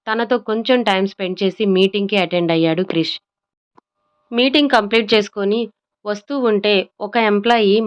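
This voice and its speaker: ఒక మహిళ తెలుగు ఆడియో కథను అన్ని పాత్రలను చేసుకుంటూ చదువుతోంది. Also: female voice, medium pitch, dull audio. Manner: smooth even storytelling, acting out all characters. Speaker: storyteller. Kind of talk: scripted audio story narration.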